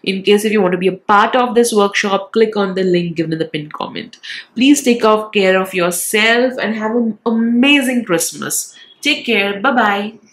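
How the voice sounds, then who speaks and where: A woman's voice: medium pitch, normal speed. A woman with a nasal, congested voice from a cold, giving a casual tarot reading to viewers and often checking in with short tags. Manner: reassuring check-in tags like "all right", "okay". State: has a cold. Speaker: tarot reader, channel host. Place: indoors, at a decorated tabletop.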